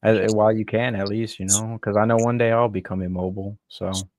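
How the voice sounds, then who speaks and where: A man's voice: on the low side, flat delivery, fairly quick, darkish tone, dry recording. A man chatting on a live stream, easygoing and supportive, often restarting his words. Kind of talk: casual live-stream chat.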